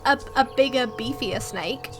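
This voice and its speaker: High-voiced woman game master. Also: normal speed, over music. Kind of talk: casual game narration.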